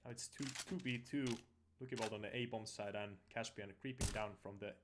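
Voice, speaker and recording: Guy with a lowish voice casting a game match, casual and kinda halting, noisy background w game sound. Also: fairly even intonation. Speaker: match commentator. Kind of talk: casual esports commentary over gameplay. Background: in-game audio bleeding through.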